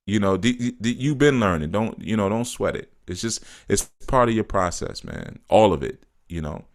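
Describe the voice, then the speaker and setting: A man with a very low voice talks loosely on a live stream, reading out viewers' comments and answering each one. He laughs often and drops "you know" and "man" into his sentences. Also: animated, normal speed. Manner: reads viewer comments aloud and answers them. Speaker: spiritual teacher answering live chat.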